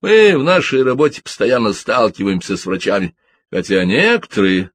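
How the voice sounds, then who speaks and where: A man's voice: on the low side, big pitch swings, normal speed, a bit bright, no echo. A man reading an audiobook, voicing a stern male detective with a dry, curt delivery.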